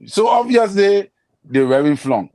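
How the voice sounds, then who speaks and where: Man, mid-pitched panel analyst, frank and critical, dry sound. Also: very animated, moderate pace, a little mellow, no echo. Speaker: political analyst. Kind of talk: panel discussion.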